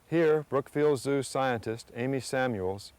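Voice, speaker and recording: A man reading scripted nature documentary narration in a measured, earnest way. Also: medium pitch, a little mellow, clear, resonant tone, dry recording. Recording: music under the voice. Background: background music.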